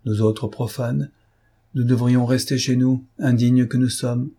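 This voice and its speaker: A man reading an audiobook, voicing an ironic young male captain in measured, dry tones. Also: mid-range voice, level tone, warm tone, husky.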